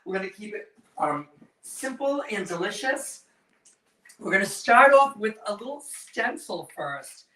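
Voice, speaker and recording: With a high, very animated voice, a man hosts a casual live cooking show at a measured pace and a sharp tone, trading campy, playful drag queen banter and cheeky innuendo. He stands in an indoor kitchen with a stone counter. The distant mic picks up roomy echo and faint noise.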